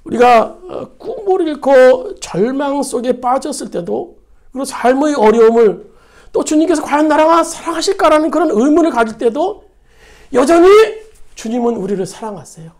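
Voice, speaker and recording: A woman's voice: high voice, expressive, moderate pace, a little mellow. A woman pastor preaching a sermon, repeating phrases for emphasis and putting rhetorical questions to her congregation.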